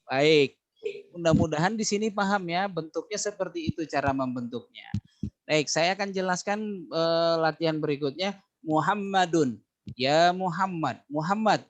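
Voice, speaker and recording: Indonesian male Arabic teacher, patient drills, slow stretched examples, slightly high voice. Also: no room sound. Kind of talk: online class lesson.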